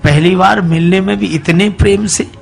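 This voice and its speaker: A man's voice: sits high, steady tone, moderate pace, gravelly. A man preaching a devotional sermon, telling a folk story folksily and breaking into sung verses.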